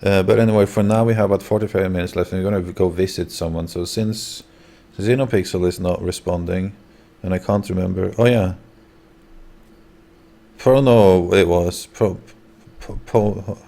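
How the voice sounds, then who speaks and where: A man's voice: sits low, steady tone, moderate pace, vocal fry, mellow. A man hosting a livestream, talking casually to his viewers and guests. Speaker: livestream host.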